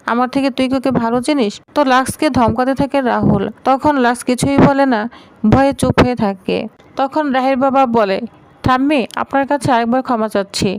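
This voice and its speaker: A woman's voice: high-pitched, darkish tone, no echo. A woman retelling a serial's plot, voicing each character's lines in her own voice. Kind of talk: story recap narration with quoted dialogue.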